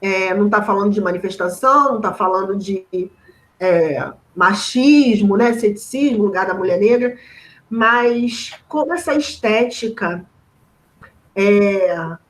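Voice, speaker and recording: A woman's voice: medium pitch, animated, unhurried, poor audio. A Brazilian woman, a teacher, telling a personal classroom story in a discussion, emotional and close to tears at times, chatting with many fillers and tag questions. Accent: Brazilian Portuguese.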